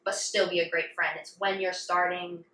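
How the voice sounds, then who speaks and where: Female podcast co-host, bright and chatty, distant echoey room with faint ambience. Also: lowish voice, moderate pace. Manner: chatty, animated storytelling with quoted voices. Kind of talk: casual chat.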